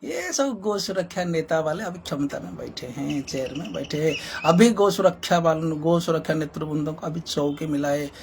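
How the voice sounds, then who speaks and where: A man's voice: a little high, normal speed, vocal fry, hardly any pauses, slight background noise. A man giving an impassioned commentary as a social reformer, emphatic and repetitive, with many rhetorical questions.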